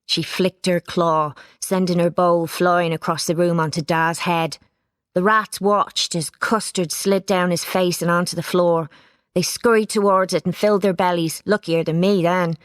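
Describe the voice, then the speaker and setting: A woman's voice: lowish voice, moderate pace, no room sound, studio quality. Woman reading a storybook. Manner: lively character voices, plain narration. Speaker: audiobook reader. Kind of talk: storybook narration.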